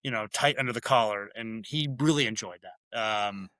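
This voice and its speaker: Male guest, former DJ turned brewer; bright, forward tone, loose self-correcting delivery, dry room. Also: on the low side, dry recording. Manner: rambling, self-correcting, quick laughs. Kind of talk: casual interview chat.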